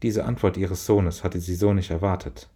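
A man narrating a children's story in a calm, even reading manner. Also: low voice, normal speed, husky.

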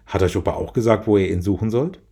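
A man voicing a gentle caring mother. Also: on the low side, fast talker, slightly rough. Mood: teasing. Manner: gentle and reassuring. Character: warm caring mother, adult woman.

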